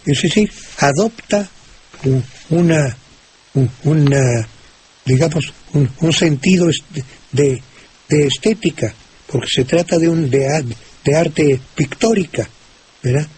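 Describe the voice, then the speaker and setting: An older man with a Mexican Spanish accent, explaining word usage on a radio call-in show, slowly, with many restarts and fillers. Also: a little high, darkish tone. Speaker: language expert answering listener questions. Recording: old radio recording with faint hiss.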